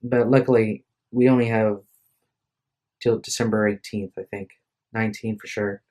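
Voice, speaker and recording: This vlogger is a tired young man rambling to the camera from a room at home, recording on his phone's mic and sounding hesitant and apologetic as he keeps restarting his sentences. He speaks at a normal speed in a warm, level tone on the low side.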